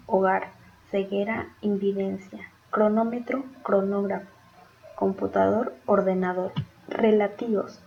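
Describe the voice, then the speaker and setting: A woman reads her class notes aloud, stepping through each definition and its example words in turn. The recording is muffled and dull, with a roomy echo and a faint hiss underneath. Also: medium pitch. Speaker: student presenter. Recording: dull echoey room recording.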